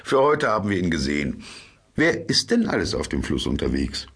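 A man's voice: sits low, sing-song, moderate pace, gravelly, fairly bright tone, husky, heavily acted. A man voicing a friendly, easygoing male water rat in a storybook reading, with a hearty, inviting manner.

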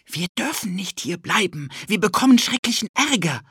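Anxious young boy, raised pitch, urgent pleading, played by a male reader. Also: sing-song, normal speed, bright, forceful tone, husky, dry recording, studio quality, full character voice. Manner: worried, urgent. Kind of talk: audiobook character voice.

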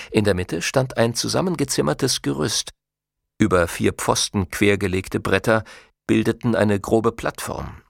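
A man's voice: on the low side, vocal fry, no room sound, clean studio sound. A man narrating a novel as an audiobook, reading expressively. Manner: expressive storytelling. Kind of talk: scripted narration.

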